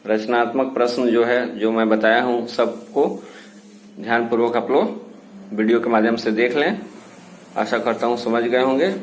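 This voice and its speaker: Man, school teacher, unhurried, repeats each word, recorded lesson. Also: medium pitch, a little mellow, roomy sound, low-quality recording. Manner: slow, repeats each word for pupils to copy.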